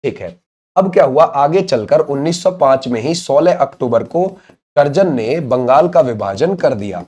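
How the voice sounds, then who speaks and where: Speaking at a normal pace in an expressive, slightly mellow mid-range voice, a male exam coach delivers a test-prep lecture. He poses questions only to answer them himself and drills the class with recurring check-in phrases to make sure they're following.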